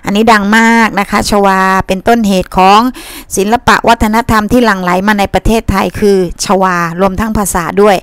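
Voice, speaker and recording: A woman teacher gives students a reading-comprehension lesson, chatty in manner, asking questions and then answering them herself. Her medium-pitched voice is flat and brisk, on a dry recording.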